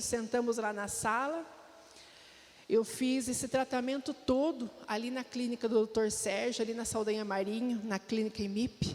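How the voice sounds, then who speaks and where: A woman with a Brazilian Portuguese accent giving a heartfelt personal testimony to a church congregation, often speaking straight to her listeners. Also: fairly high pitch. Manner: heartfelt, storytelling, often addresses the listeners directly. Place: church hall. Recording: long reverb of a church hall.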